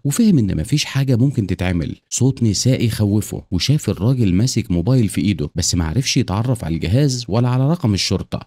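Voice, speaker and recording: A man with an Egyptian Arabic accent narrates a film recap at a brisk clip. His voice is mellow and warm, and the steady storytelling moves along without pause. The recording is dry and close, with no room sound. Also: fairly low pitch, breathy edge, no room sound. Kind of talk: scripted narration.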